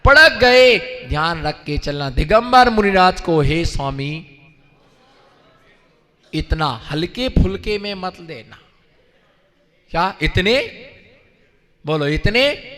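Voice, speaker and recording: Male preacher, high bright voice, slow and emphatic, call-and-response, long hall reverb. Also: lively intonation. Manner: call-and-response, urging the audience to repeat loudly; acts out dialogue in a storytelling way. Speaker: Jain monk giving a discourse. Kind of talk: sermon.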